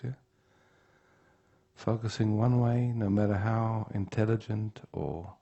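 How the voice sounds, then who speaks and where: A man giving an unhurried spiritual teaching talk at a retreat. He often checks in with the room by asking "yeah?". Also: fairly low pitch, gravelly, mellow, breathy edge, dull audio.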